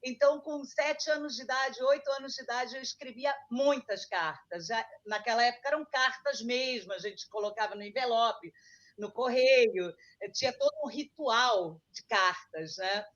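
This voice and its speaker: A woman's voice: fairly high pitch, normal speed, fairly bright tone, muffled recording. A woman from Argentina, a guest author, chatting casually and reminiscing about her childhood. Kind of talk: casual interview chat.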